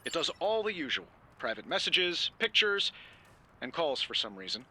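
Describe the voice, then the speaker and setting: Tony Stark, bright glib hologram message. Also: male voice, fairly high pitch, sing-song, normal speed, husky, heavily acted. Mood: breezy, self-satisfied. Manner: glib, self-assured showman. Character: witty, fast-talking armored superhero inventor in recorded hologram message.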